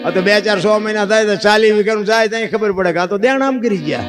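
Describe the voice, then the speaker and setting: A man's voice: high voice, fast talker, music in the background. A man with a Kathiyawadi Gujarati accent giving a folk devotional storytelling talk on stage. He asks many rhetorical questions and calls his listeners "bapu".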